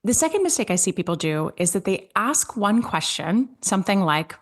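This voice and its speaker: A woman's voice: very animated, normal speed. Upbeat woman host with emphatic swings. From Switzerland. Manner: upbeat, emphatic, with big pitch jumps on key words. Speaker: podcast host. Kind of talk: podcast host recap and listener Q&A.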